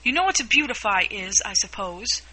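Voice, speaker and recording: A gruff, impatient Gryphon snaps and scolds in short, blunt, folksy phrases, voiced by a woman reader. The voice is bright and piercing. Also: mid-range voice, animated, a little fast, exaggerated voice. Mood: brusque. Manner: brusque, folksy grammar.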